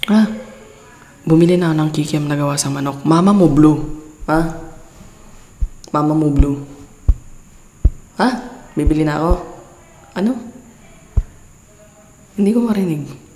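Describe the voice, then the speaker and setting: In a deep, mellow voice that moves a little slowly with frequent pauses, a Filipino-accented woman plays a girlfriend who is fed up yet adoring in an intimate ASMR roleplay. Her playful scolding blends with gentle coaxing as she shifts into English. Faint background noise and long reverb fill the echoey room.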